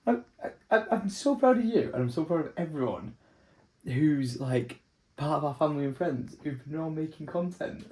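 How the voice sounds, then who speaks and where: A man's voice: on the high side, lively intonation, normal speed, mellow. Chatty guy vlogging. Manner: chatty and enthusiastic, with filler likes. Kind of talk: casual vlog chat.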